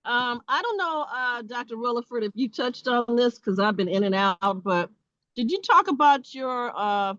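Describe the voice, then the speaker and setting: A woman's voice: fairly high pitch, expressive, fairly bright tone, no echo. Lady on a choppy video call while driving, lots of ums, muffled dull line. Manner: halting, with many fillers. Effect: video call audio breaking up. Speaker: caller. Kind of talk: asking questions on a live call.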